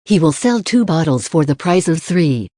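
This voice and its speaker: An audiobook narrator reads in a steady, plain storytelling manner. The tone is dark and warm. The sound is close and dry, with no room echo. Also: mid-range voice, normal speed.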